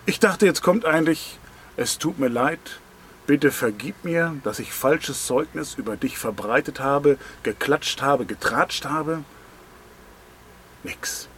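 A man's voice: a little high, lively intonation, slow, a bit bright, slight background noise. A man preaching a devotional sermon, earnest and direct, asking the listener pointed questions. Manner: pointed, emphatic phrasing. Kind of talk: devotional sermon on a Bible verse.

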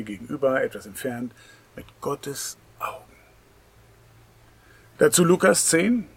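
A man preaching a sermon, swinging between loud, emphatic lines and near whispers. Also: on the high side, vocal fry, breathy edge.

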